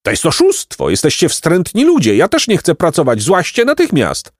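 A man's voice: medium pitch, sing-song, fairly quick, darkish tone, no room sound, clean studio sound. A man voicing a pompous, stubborn male donkey who fancies himself a philosopher, in a lofty, ponderous storybook manner. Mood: indignant. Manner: lofty, ponderous, self-important. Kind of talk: audiobook reading of a children's tale.

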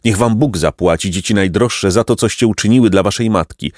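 A man's voice: on the low side, fairly quick, no echo, clean studio sound, close to an everyday voice. A man reading a storybook and voicing a poor, worn-out old mother who speaks tenderly and with great joy. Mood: blessing. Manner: tender, overjoyed and pleading.

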